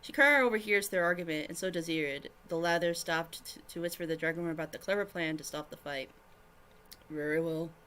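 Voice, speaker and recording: A woman's voice: on the low side, fast talker, few pauses, pushed and bright, a little hiss or hum. A woman streamer reading her fan fiction aloud, giggling and breaking off to explain to friends.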